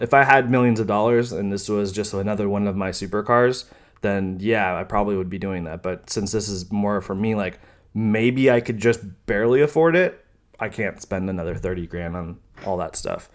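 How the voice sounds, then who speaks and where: A young man casually talking through car options in a vlog, rambling with many ums and self-corrections, now and then sarcastic. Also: lowish voice. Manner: casual, chatty, slightly sarcastic. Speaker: car vlogger.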